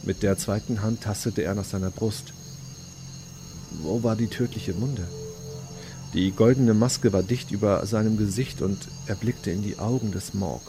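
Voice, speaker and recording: A man narrating a science fiction story in a measured, dramatic way. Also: fairly low pitch, noisy background. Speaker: audiobook narrator. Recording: read over loud background music.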